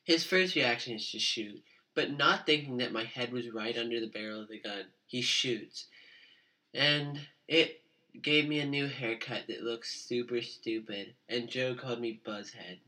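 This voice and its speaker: A man's voice: medium pitch, a little slow, pushed and bright. A young man telling a crude comic story and teasing his friend with mock accusations. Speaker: comedic storyteller. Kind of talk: improvised comedy bickering.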